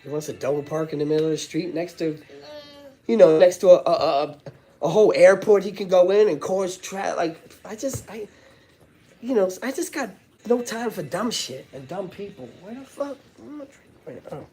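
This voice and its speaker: A man's voice: high voice, moderate pace, dark tone. A man hosting a casual live stream, rambling in street slang with constant filler phrases and swearing. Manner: rambling street talk with frequent "you know what I'm saying" and swearing. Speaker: live-stream host, former prisoner. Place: indoors at home.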